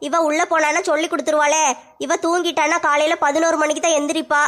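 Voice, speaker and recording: Woman as a very high-voiced, fast-scolding mother-in-law, comedy sketch. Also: level tone, fairly bright tone. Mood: scheming. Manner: scolding, sly, fast-talking. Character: scheming sharp-tongued middle-aged mother-in-law. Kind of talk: comic family sketch acting.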